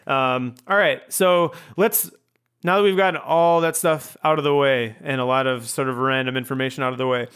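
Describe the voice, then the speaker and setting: A man's voice: mid-range voice, moderate pace, fairly bright tone, clear, resonant tone. A man hosting a podcast, talking casually and rambling with many ums and restarts. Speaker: podcast host. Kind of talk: casual interview chat.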